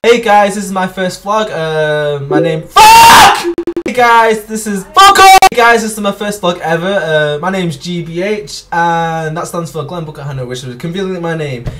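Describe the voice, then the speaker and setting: Casual vlog, dude a bit high-pitched, fumbles, swears a lot, mic kinda far away. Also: male voice, moderate pace, few pauses, very noisy. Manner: stumbling, restarts often, swears. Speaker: vlogger. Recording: distant from the mic.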